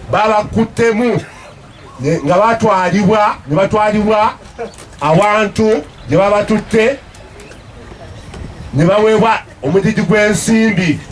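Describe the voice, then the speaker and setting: A man from Uganda, a municipal councillor, making a public statement, speaking emphatically and often repeating himself. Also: sits high. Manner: emphatic, repeats himself, now and then shouts.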